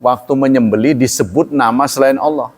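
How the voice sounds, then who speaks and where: A man giving a sermon as an Islamic preacher, lively and conversational, acting out short dialogues and laughing between points. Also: fairly quick, husky. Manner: animated, acts out dialogues with raised pitch. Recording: long hall reverb.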